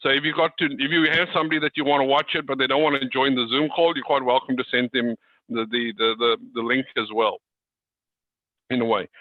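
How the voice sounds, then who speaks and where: A man acting as a coach speaks informally to a group over a video call, often repeating himself and circling back on phrases. His medium-pitched voice stays steady and fairly quick, with no room sound, though the call audio is dull and lo-fi.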